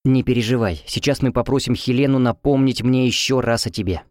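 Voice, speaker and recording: A man voicing a calm, gentle young man in a storybook reading, speaking softly and evenly. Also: medium pitch, brisk, close to an everyday voice.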